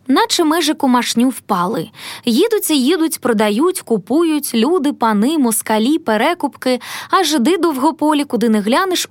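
Expressive woman reading a classic tale. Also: sits high, dry recording. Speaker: audiobook narrator.

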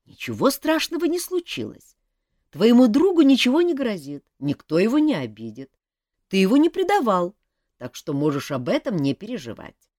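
A woman voices a playful young king in a storybook, a good-humoured, teasing young man, sounding easygoing and reassuring as her pitch leaps up and down. Her reading stays lively and expressive at a normal speed, recorded dry and close with no room sound or echo.

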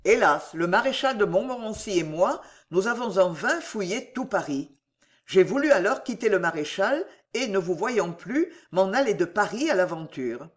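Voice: mid-range voice, animated, normal speed, close to an everyday voice. Reader voicing a sad earnest young knight. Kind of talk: audiobook character reading.

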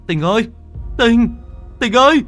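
A male narrator voicing a frightened young man who stammers and shouts in panic in a ghost story. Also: extremely high pitch, expressive, measured pace, dry recording, soft background music, voice pushed up, heavily acted. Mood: panicked shouting.

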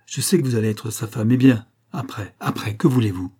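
A man's voice: on the low side, a little fast, darkish tone, breathy edge. A man voicing an anguished, feverish, proud young man with strained, clipped outbursts.

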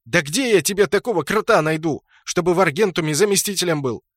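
A man playing a brash, loud male clan leader warrior who gets excitable and pushy. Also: high-pitched, fast, dry recording, clean studio sound, voice pushed up.

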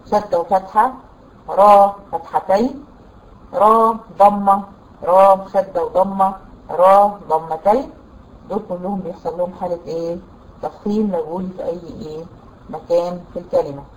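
A woman with an Egyptian Arabic accent teaching a tajweed lesson, explaining rules patiently, quizzing her students and reciting examples slowly. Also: mid-range voice, a little mellow, rough recording. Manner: quizzes students with rhetorical questions.

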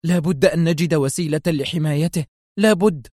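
A man's voice: on the high side, brisk, a little mellow, no room sound, studio quality, lightly acted. A man reading aloud and voicing a fierce, determined young woman doctor who speaks sharply and urgently in a crisis.

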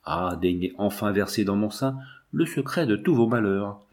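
A man's voice: on the low side, animated, normal speed, darkish tone, lightly acted. Audiobook: earnest, pleading young daughter in exile, read by a man in his own voice. Imploring, devoted.

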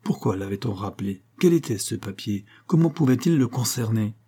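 A man narrating a classic novel as an audiobook, in a measured, dramatic reading. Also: fairly low pitch, expressive, mellow, breathy edge.

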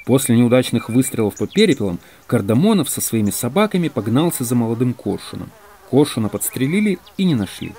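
Expressive male audiobook narrator. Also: mid-range voice, brisk. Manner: expressive, animated reading. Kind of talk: audiobook reading of a classic story.

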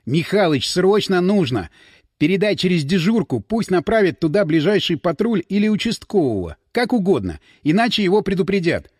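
A man's voice: high-pitched, very animated, normal speed, a little mellow, breathy edge, dry recording, clean studio sound, heavily acted. A male narrator voicing a tough, demanding police detective in an audiobook. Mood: urgent. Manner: demanding, clipped. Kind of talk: audiobook character voice.

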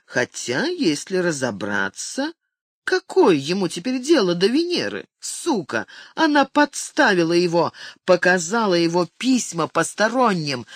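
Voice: medium pitch, a bit bright, no echo, clean studio sound. An audiobook narrator giving a dramatic reading of a novel.

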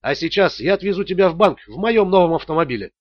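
A man voicing a ruthless male interrogator who speaks in calm, clipped threats. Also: high voice, fast talker, dry recording, muffled recording. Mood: cold.

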